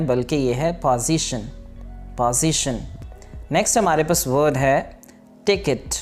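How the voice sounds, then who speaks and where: Woman teacher, low mellow voice, says each word slowly twice, soft music underneath. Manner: repeats each word slowly to show pronunciation. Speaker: English teacher. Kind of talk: online language lesson.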